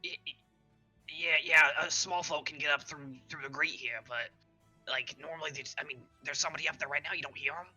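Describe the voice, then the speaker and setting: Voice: medium pitch, fairly quick, bright, forceful tone, husky, lo-fi sound, soft background music. A game master narrating a tabletop game in a loose, filler-heavy way.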